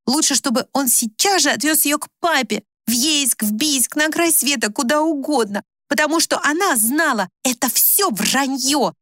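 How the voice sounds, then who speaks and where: A woman narrating an audiobook in an expressive storytelling manner. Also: high voice, no room sound, clean studio sound.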